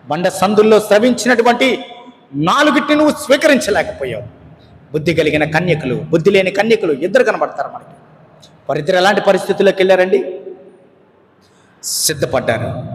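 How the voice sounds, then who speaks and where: Pastor, male, fervent sermon with rhetorical questions, higher voice, echoey church hall. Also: slight background noise. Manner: preaching with rhetorical questions, swinging between raised and hushed delivery.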